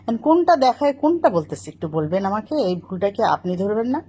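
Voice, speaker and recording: A woman's voice: medium pitch, big pitch swings, a little fast, mellow, breathy edge. A middle-aged woman talking to camera, correcting other people's pronunciation in a lecturing tone. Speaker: vlogger answering critics.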